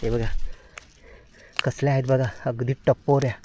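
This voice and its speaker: A man's voice: medium pitch, flat delivery, normal speed, warm tone, slight background noise. A man with a Konkan Marathi accent narrates a casual vlog as he walks through forest and fields foraging wild mushrooms, often calling on viewers to look. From Konkan, India. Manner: repetitive pointing-out, walking while talking.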